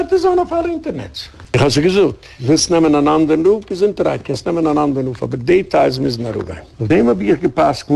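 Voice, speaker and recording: A middle-aged man, a rabbi, gives a lecture full of stories, retelling phone calls and arguments in an animated way and mixing in English and Yiddish words. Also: a little high, gravelly, breathy edge. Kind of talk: storytelling lecture.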